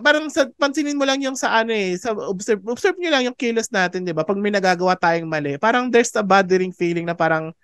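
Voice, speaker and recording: A chatty theology teacher lectures over a video call in a smooth, clear voice at an everyday middle pitch. The delivery is conversational, slipping English phrases into Tagalog and often checking with the class. The sound is close and dry. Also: expressive, fast talker, a bit bright, no echo. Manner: laughs often between points. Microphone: video call microphone.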